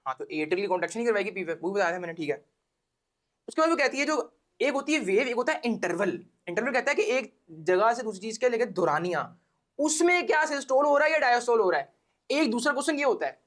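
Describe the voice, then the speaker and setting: A man's voice: very high voice, lively intonation, fast talker, fairly bright tone. A man with a Pakistani accent giving a casual biology lecture to exam students, explaining step by step, repeating key points and checking that they follow.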